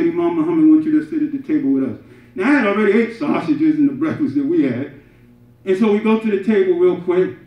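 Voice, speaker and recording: Animated preacher in an echoey mosque hall. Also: male voice. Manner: animated, swings from loud emphatic peaks to soft low asides; addresses congregation directly with rhetorical "right?". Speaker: imam giving Friday sermon. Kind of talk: sermon. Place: carpeted mosque prayer hall, indoors, congregation seated on floor. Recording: roomy, distant and slightly dull camera audio.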